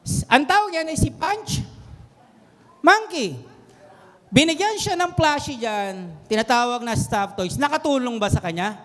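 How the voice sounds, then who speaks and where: High-voiced, animated man preaching. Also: a little slow. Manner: animated, mixes English into Tagalog, quizzes the congregation. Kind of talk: sermon. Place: church hall. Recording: long hall reverb.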